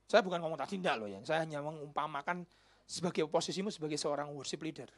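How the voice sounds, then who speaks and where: A man, a pastor preaching a sermon and telling a story. He drops to a whisper when quoting people and rises to loud exclamations. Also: a little high, fast talker. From Indonesia. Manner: mixes in Javanese words. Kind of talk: sermon with acted-out dialogue.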